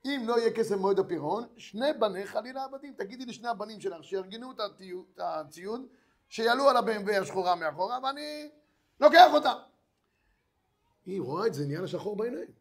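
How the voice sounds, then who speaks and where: A man preaches in a high, bright voice. He tells his lesson as a lively story and slips into the voices of its characters as he goes. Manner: animated storyteller who acts out the dialogue of characters. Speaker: rabbi giving a Torah lesson. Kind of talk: storytelling sermon.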